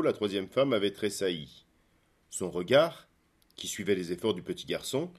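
A man reading a serialized story aloud, with calm, expressive scripted narration. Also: low-pitched.

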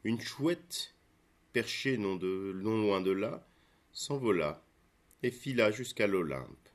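A man narrates a storybook in a measured, expressive way. His voice sits somewhat low. The reading flows steadily with clear storytelling emphasis.

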